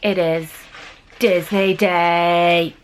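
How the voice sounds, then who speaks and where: A woman vlogging outdoors, greeting the camera in a chatty, upbeat way, her voice shifted down to sound unusually deep. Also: steady tone, drawn-out words. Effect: voice pitched down unusually deep. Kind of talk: casual travel vlog. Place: outdoors at a theme park in the rain. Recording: loud music and crowd around.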